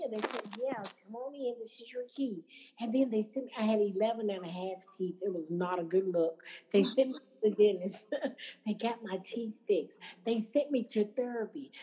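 Woman, mellow low-bright voice, personal testimony, storytelling with quoted voices. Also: rough recording. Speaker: speaker telling her recovery story.

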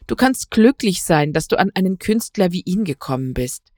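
A woman reading aloud voices a brisk, sharp-tongued wife who scolds and urges her husband along. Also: big pitch swings, no echo, clean studio sound. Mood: persuading. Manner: brisk, scolding, higher pitched.

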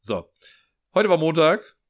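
A man's voice: a little high, big pitch swings, slow pace. A man telling a casual vlog story, chatty, acting out dialogue and tagging lines with "ne?". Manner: chatty storyteller, acts out dialogue, frequent "ne?" tags. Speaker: after-school care worker. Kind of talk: casual personal vlog monologue.

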